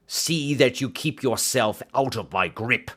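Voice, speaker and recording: A male audiobook reader plays a hulking old doctor with a furious temper. He blusters and snarls like a bully used to being feared, his pitch swinging widely as he threatens. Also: animated, a little slow, fairly bright tone, husky. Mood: furious, menacing. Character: huge fierce old doctor, menacing bullying villain. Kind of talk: audiobook character acting.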